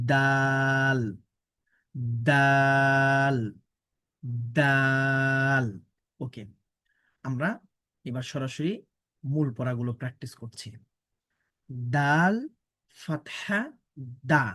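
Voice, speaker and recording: Slow-paced man teaching Quran letters. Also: medium pitch. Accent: Bangladeshi Bengali. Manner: slow, drawn-out syllable drills. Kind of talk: slow recitation lesson.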